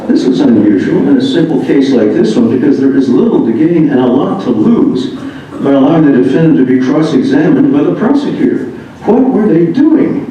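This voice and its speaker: A fairly high, mellow-voiced American man reads a little fast, his pitch swinging widely as he relishes the humorous first-person anecdotes of another writer's memoir. Faint noise and a dull, distant-mic sound come from the echoey indoor room he's in.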